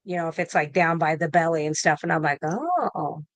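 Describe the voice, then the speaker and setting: This guest nurse, a woman in her fifties, rambles through her answers in a casual video-call interview, full of fillers and restarts. She talks a little fast in a low voice, captured in a dry recording.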